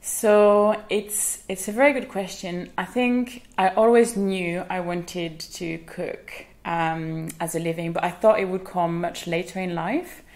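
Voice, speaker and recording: A woman's voice: on the low side, a little slow, few pauses, darkish tone. A woman from south-west France with a French accent, a chef answering interview questions in a thoughtful way. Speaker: guest chef.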